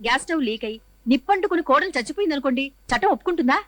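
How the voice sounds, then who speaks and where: A woman's voice: sits high, expressive, rapid-fire, dry recording. A scheming mother-in-law. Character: scheming greedy mother-in-law plotting against her daughter-in-law. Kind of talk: Telugu film drama acting.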